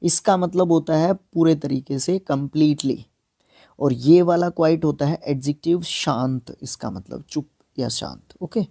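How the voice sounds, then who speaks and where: A man teaching an exam-prep vocabulary lesson. He spells words out slowly, letter by letter, and speaks frankly, correcting himself as he explains. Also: a little high, gravelly, warm tone, no echo, studio quality.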